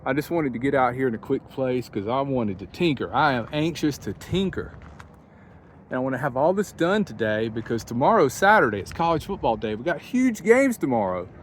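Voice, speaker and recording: A man's voice: sing-song, a little fast. A man narrating a casual do-it-yourself vlog, thinking aloud in a folksy way as he works outdoors. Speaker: vlogger. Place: outdoors beside a van near a highway, windy. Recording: wind and highway noise outdoors. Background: wind and interstate traffic.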